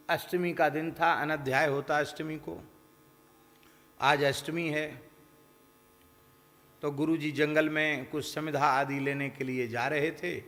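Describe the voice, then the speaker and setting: A man's voice: on the high side, fairly bright tone, big-room sound. A man giving a devotional discourse, telling stories and mimicking village characters in their voices. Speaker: spiritual teacher.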